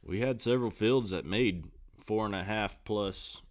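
A man chatting on a podcast in a low-key, rambling way, often correcting himself. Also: unhurried. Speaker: podcast co-host, cotton farmer. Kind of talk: casual podcast chat. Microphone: studio mic.

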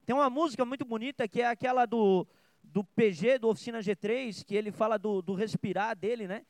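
High-voiced Brazilian pastor preaching fervently. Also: male voice, brisk, darkish tone, no echo. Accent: Brazilian Portuguese. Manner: conversational, swelling into fervent emphatic preaching. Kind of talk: sermon.

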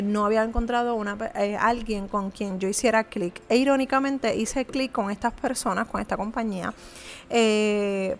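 A small business owner speaks to the camera with earnest motivational advice, keeping it conversational and dotted with hesitant fillers. Her voice sits in the mid range, and a little hiss or hum runs under the recording.

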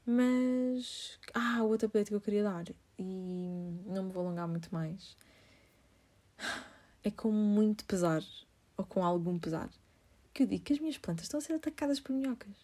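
A woman's voice: mid-range voice, moderate pace, pauses often, mellow. A young woman, telling a story to her viewers in a chatty way, full of fillers and laughter. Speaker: vlogger.

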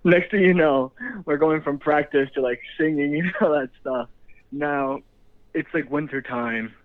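A man's voice: on the high side, unhurried, no echo. A young man from the Dominican Republic, a guest actor chatting casually, laid-back and laughing often. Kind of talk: casual interview. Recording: tinny phone line.

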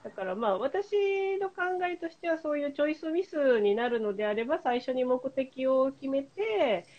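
Lively, chatty woman podcast host. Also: sits high, normal speed. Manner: chatty, lots of fillers, leading the questions. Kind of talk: casual chat. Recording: slightly dull lo-fi remote link.

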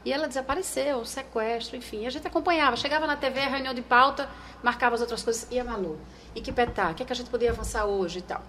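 Northeastern Brazilian woman, ex-anchor guest, animated storyteller, higher voice. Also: quick pace, a little hiss or hum. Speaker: guest, former TV news anchor. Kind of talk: conversational interview.

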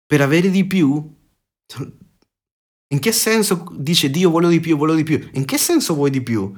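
A man's voice: fairly high pitch, very animated, a little slow. Man preaching with rhetorical questions. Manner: earnest, restarts mid-word. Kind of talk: podcast sermon.

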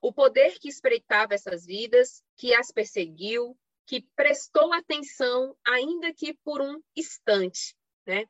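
Presenting as an academic panelist on an online live stream, a woman with a Brazilian Portuguese accent walks through slides in a semi-improvised explanatory lecture, posing rhetorical questions and using short check-in tags. Her pitch is fairly high, her intonation lively and her pace a little slow. There's no echo, though the lo-fi call audio sounds slightly dull.

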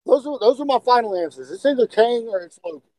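A man co-hosting a casual podcast, talking excitedly and speculating, often stumbling and repeating words. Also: very high-pitched, fast, dry recording, poor audio. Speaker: podcast co-host.

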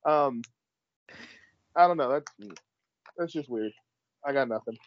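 A man's voice: mid-range voice, slow. A man co-hosting a casual podcast, reading out list entries and talking bluntly, with a wry edge and casual swearing. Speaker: podcast co-host. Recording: dry, dull lo-fi sound.

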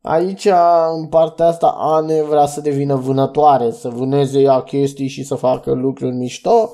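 A man's voice: medium pitch, level tone, mellow. A young man hosting a solo podcast, reviewing cartoon episodes in a loose, rambling way with restarts and fillers. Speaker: podcast host.

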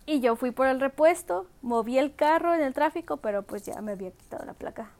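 A woman's voice: sits high, fairly quick, background noise. A woman co-hosting a casual podcast, telling an embarrassing story with lots of acted-out quotes and laughter. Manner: animated, acts out quoted voices, laughs often. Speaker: podcast co-host.

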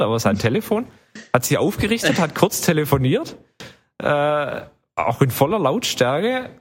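A man's voice: medium pitch, slightly rough. A man telling a long travel story in casual chat, rambling with many fillers. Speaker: podcast co-host telling travel stories.

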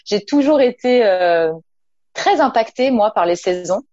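Speaking a little slowly yet animatedly, a woman from Nice with a slightly high voice and darkish tone is interviewed about her work as a naturopath and entrepreneur. She is chatty and informal, with frequent fillers and hesitations. The sound is dry and lo-fi.

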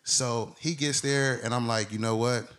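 A man in his twenties, a podcast co-host, telling a long story in a casual, animated way and acting out the people in it. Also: mid-range voice, moderate pace.

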